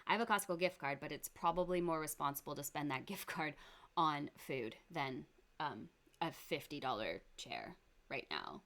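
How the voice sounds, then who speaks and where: A woman's voice: low voice, expressive, normal speed, a bit bright. A pregnant woman from Canada giving dry, sarcastic reaction commentary on a vlog.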